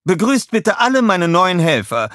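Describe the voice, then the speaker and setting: A flamboyant, glamorous villainess from a storybook, crying out in a high, drawn-out and theatrical voice, as a male narrator puts her on. The recording is dry and close. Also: sing-song, fairly bright tone, dry recording. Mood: triumphant.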